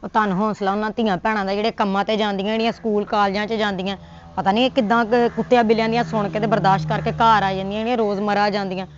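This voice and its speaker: A woman with a Punjabi accent acting a sharp-tongued, nagging wife in a comedy sketch. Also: mid-range voice, flat delivery, rapid-fire, lo-fi sound, slight background noise. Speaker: comic actor as a scolding wife.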